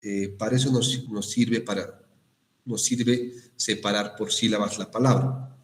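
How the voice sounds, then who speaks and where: A male teacher giving an online class on spelling and accents, explaining slowly with frequent checking questions and restarts. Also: fairly low pitch, steady tone. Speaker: university language teacher.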